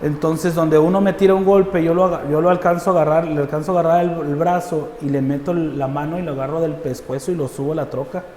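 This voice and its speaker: A man's voice: on the high side, fairly even intonation, fast talker, few pauses, darkish tone. A man with a northern Mexican accent gives a personal conversion testimony, telling his story earnestly and acting out the dialogue. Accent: northern Mexican Spanish. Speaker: testimony speaker. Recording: roomy hall reverb with faint background noise.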